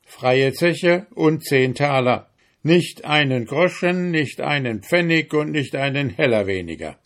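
Sneering, unshakable stranger in a fairy tale, raised voice, deliberate pace, read by a man. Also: mid-range voice, animated. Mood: mocking. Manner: mocking, haggling, raised voice. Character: mocking, unbending male stranger bargaining.

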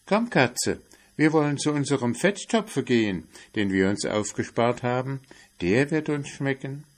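A timid little female mouse from a storybook, her voice pitched well up and full of fretful wonder, as a male reader puts her on. She talks slowly, asking and worrying over every odd word. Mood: eager. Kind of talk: fairy-tale reading.

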